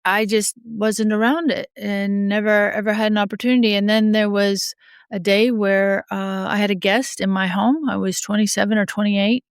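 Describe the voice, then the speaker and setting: In a clean, dry studio recording, a middle-aged woman raised in Australia speaks at a medium pitch, with a steady tone, moderate pace and clean timbre. She's a judge guesting on a podcast, openly telling her recovery story, slightly sniffly from a cold. Her manner is frank, with frequent soft laughs and many fillers and restarts.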